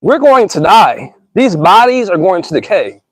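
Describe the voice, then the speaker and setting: High-pitched and sing-song at normal speed, this thirtysomething man's voice comes through a rough recording with no room sound. He muses in an earnest, slangy, casual monologue, stumbling and restarting frequently and calling people "y'all" and "bro".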